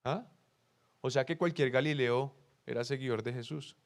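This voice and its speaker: A young man from Colombia, a pastor with a Bogotá accent, preaching in an animated way, asking the congregation questions and acting out quoted excuses. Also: mid-range voice, normal speed, creaky. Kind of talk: sermon.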